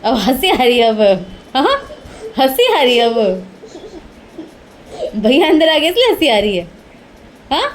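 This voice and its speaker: A woman's voice: high-pitched, big pitch swings, measured pace, long pauses, slight background noise. A mother at home firmly scolding her child, giving stern commands over and over. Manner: stern, firm, repeating commands.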